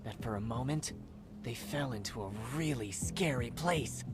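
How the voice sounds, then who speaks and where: An actress playing a young student, forgetful and uneasy, in scripted game dialogue. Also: female voice, a bass voice, lively intonation, moderate pace, faint music behind.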